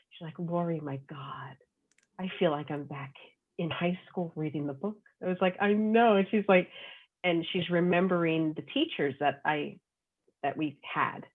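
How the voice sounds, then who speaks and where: A woman chats as a guest author, rambling and full of fillers. Her voice sits a bit low. The call audio is thin and phone-like. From Long Island, New York. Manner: chatty, rambling with many fillers. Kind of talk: casual interview chat.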